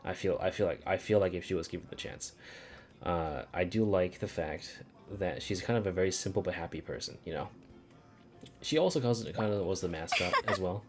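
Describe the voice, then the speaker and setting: Speaking a little fast in a low voice, a man streams a video game and chats casually, thinking aloud in a meandering way and swearing at times. Video game music plays in the background.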